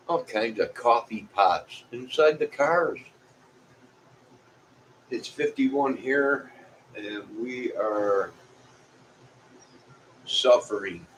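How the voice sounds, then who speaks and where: A middle-aged or older vlogger from Illinois, with an American Midwestern accent, rambles to his viewers in a folksy, meandering, casual way. His voice is on the low side. The recording is rough, with clear background noise.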